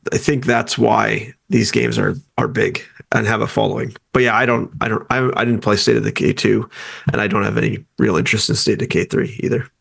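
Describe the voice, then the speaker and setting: A man's voice: on the low side, creaky, a bit bright, husky. A man co-hosting a gaming podcast, chatting casually with opinionated asides. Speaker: podcast co-host. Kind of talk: casual chat.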